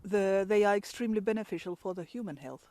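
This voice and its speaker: With a warm, medium-pitched voice and a fast delivery, a woman from Finland talks casually for her travel vlog. She's outdoors in a pine forest, speaking with a Finnish accent and laughing a lot between restarts.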